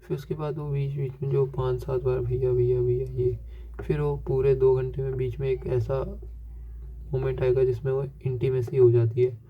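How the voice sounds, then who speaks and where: A man's voice: medium pitch, little pitch movement, normal speed, lo-fi sound. A young man talking through his feelings in a rambling, self-searching personal monologue, often checking himself with a filler. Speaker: vlogger.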